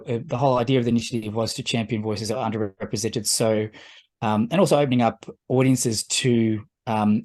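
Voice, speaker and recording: Man, film festival Q&A guest, mid pitch, thoughtful, many ums. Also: darkish tone. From Fiji. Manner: thoughtful, hesitant with many fillers. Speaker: filmmaker guest. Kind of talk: festival Q&A answers.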